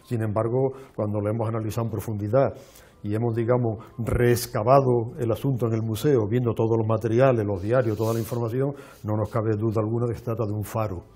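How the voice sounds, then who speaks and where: A man, a guest explaining in a measured, lecturing way with frequent restarts on a television show. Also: fairly low pitch, little pitch movement, mellow. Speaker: archaeologist guest. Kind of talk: explanatory interview talk. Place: television studio.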